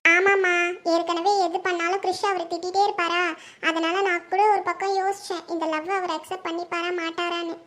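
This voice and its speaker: A performer voicing a kind, gently teasing mother-in-law in a home-made family drama. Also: extremely high pitch.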